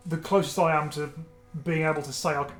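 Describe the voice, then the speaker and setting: Hesitant man, fairly high voice. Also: fairly even intonation, brisk. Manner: hesitant, restarts sentences. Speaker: podcast co-host. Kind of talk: casual chat. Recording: echoey room with music playing.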